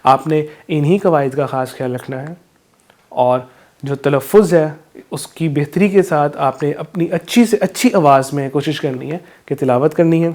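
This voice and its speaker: A man with a Pakistani accent teaching children recitation rules, explaining step by step and then reciting verses slowly and drawn out. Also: a little high, a little mellow. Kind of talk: Quran recitation lesson for children.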